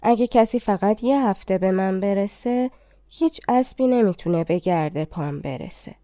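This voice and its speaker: A woman voicing an old, tired but loyal male war horse who speaks gently and courteously. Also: mid-range voice, dry recording, studio quality, close to an everyday voice. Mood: gentle.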